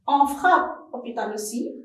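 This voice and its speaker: A woman teaching a televised primary school French lesson, speaking slowly and deliberately to young pupils. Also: sits high, expressive. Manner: slow, deliberate, addresses young pupils warmly. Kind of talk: slow televised classroom lesson. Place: classroom or studio for televised distance teaching. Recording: roomy echo, voice from a distance.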